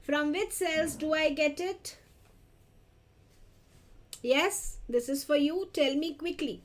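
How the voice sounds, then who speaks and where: Woman, high voice, North Indian accent, exam-prep lecturer, Hindi-English mix, talks straight to students, stresses points by repetition. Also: slow pace. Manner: mixes Hindi and English, addresses students directly. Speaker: lecturer for dental entrance exam. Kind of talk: interactive exam-review lecture.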